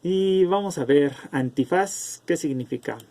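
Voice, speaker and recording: A man teaching an online class over a video call, explaining slowly and calling on students by name. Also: fairly high pitch, warm tone.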